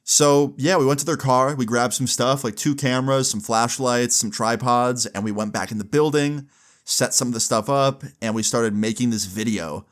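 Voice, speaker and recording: At a normal speed and in a steady, mid-range voice, a young adult YouTuber tells a story from his own life. The delivery is casual, packed with slang and swearing, with dialogue acted out along the way.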